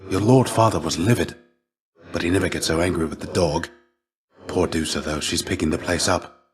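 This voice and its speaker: Here a male voice actor plays a low, world-weary warrior shade in a video game, speaking with archaic formality, measured pacing, and theatrical heft. Like a fatherly mentor with a young pupil, he's gentle and earnest, his natural-sounding voice warm and confiding.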